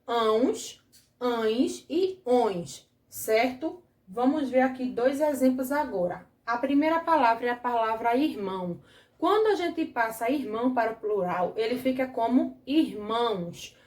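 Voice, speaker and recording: The Brazilian Portuguese primary school teacher patiently takes her young online class through grammar one step at a time, explaining slowly and checking in again and again with "certo?". Her fairly high voice has lively intonation and a darkish tone in a roomy sound.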